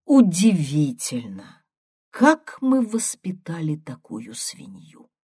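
A woman's voice: deep voice, huge pitch swings, takes it slowly, a little mellow, slightly rough, no echo, heavily acted. A woman voicing a weary middle-aged mother speaking with dry reproach. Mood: exasperated.

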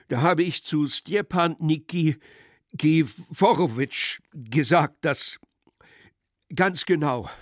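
A man voicing a drunken, pompous elderly general who talks loudly and stammers. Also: on the high side, no echo, studio quality, voice pushed up. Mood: stubborn. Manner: loud, faltering, repeats himself.

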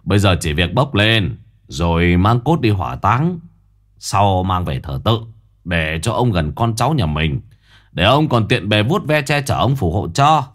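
A greedy old fortune-teller in a spoken ghost story, dropping his voice low and talking in a smug, gruff manner. He, performed by a man narrating the tale. His pitch swings from growl to pleading. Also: big pitch swings, unhurried. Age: older.

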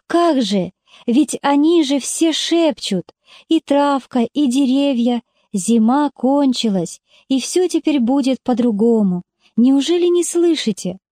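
A woman voicing gentle, dreamy young Katya. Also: high-pitched, lively intonation, slow pace, dry recording, clean studio sound, pitched above the performer's own voice, full character voice. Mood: wondering.

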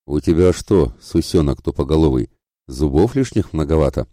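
A man's voice: extremely low pitch, lively intonation, normal speed, mellow, no echo, studio quality. A man voicing a big hot-tempered male warrior in an audiobook, sneering and scornful.

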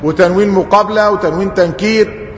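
An Egyptian-accented sheikh teaches an Arabic grammar lesson in a high-pitched, steady voice at a fairly quick pace, posing questions to the class and answering them himself. Faint music plays behind him, and the hall is echoey, with dull lo-fi sound.

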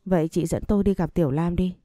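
A simple, childlike young man from an audio story, pleading and fearful, as a female narrator reads him. The voice stays low and mellow, recorded dry and close. Soft music runs beneath. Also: fairly even intonation, fast talker, no room sound, close to an everyday voice. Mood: plaintive.

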